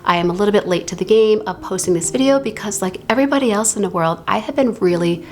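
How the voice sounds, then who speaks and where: A woman with a medium-pitched voice chats casually on her channel while going through her reading journal. She's still a bit hoarse from a recent illness and draws out the words she likes to emphasize.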